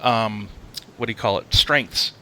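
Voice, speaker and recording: A man's voice: on the low side, a little slow, bright, forceful tone. A man hosting a podcast, chatting casually and reading out listener comments. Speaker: podcast host. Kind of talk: casual chat.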